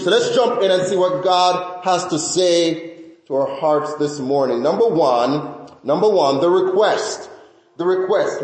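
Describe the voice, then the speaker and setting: A man preaching a sermon to his congregation in earnest, repeating key phrases, with many fillers and restarts. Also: high voice. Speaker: pastor. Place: church sanctuary. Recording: echoey church hall.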